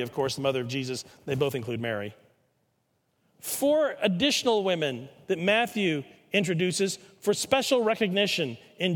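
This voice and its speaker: A man preaching a sermon, retelling a scripture story dramatically with pauses and emphasis. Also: high-pitched, fairly bright tone, big-room sound. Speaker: pastor.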